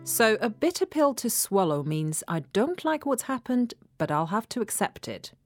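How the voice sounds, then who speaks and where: A woman co-hosting a scripted language lesson in a studio, talking in an expressive way as she plays someone feeling unwell and hard done by. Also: on the high side, normal speed, music in the background. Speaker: co-host.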